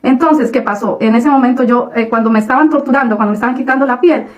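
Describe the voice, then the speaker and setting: A woman giving a personal religious testimony, halting often with restarts and fillers. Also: a little high, low-quality recording. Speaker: testimony speaker.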